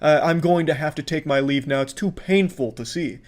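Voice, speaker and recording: A man's voice: fairly high pitch, moderate pace, close to an everyday voice. A man putting on a mock-concerned male internet armchair therapist who sounds theatrically disappointed. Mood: mock-pitying.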